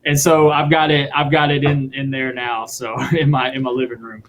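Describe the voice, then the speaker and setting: A man, a guest drummer, telling a story in a casual, excited, rambling way. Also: mid-range voice, normal speed, slight background noise. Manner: excited, rambling, acts out quotes.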